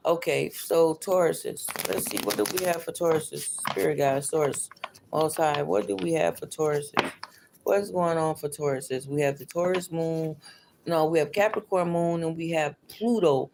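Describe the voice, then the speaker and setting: Toothless woman, chatty tarot reader, noisy stream. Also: deep voice. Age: middle-aged or older. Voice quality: toothless, slightly slushy articulation from missing teeth. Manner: repeats phrases over and over. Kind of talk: casual livestream tarot reading, chatty.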